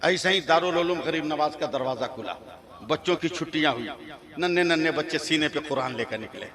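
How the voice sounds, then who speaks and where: A preacher tells a dramatic story from the stage in a high-pitched voice. He keeps calling on the listeners to respond. The microphone carries over a loud, packed live crowd. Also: lively intonation, brisk. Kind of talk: sermon storytelling at a religious gathering. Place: crowded religious conference stage. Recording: live crowd around a loudspeaker.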